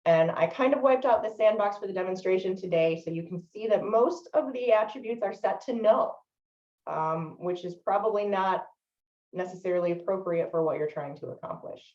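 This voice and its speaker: A woman's voice: mid-range voice, normal speed, highs cut off. Woman trainer on distant echoey webinar audio. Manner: steady explanatory delivery with frequent um fillers. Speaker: software trainer. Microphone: video call microphone.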